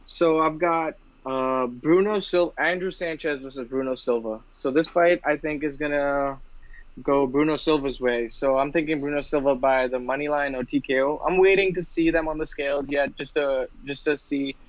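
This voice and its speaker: A man from India co-hosting a casual podcast chat about fight bets, talking in quick rambling runs full of restarts. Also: fairly high pitch, fairly even intonation, no room sound. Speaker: podcast co-host. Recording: dull, dry, lo-fi sound.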